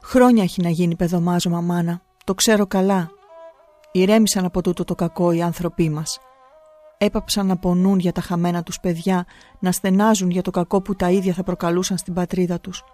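A woman's voice: on the low side, flat delivery, mellow, soft background music, close to an everyday voice. Storybook boy, defiant but scared, pleading hard; woman reader. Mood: fearful. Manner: earnest, vehement pleading.

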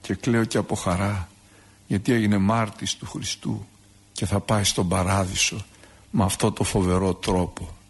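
A priest voicing a grieving loyal friend. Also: male voice, fairly low pitch, little pitch movement, slightly rough, voice pushed down.

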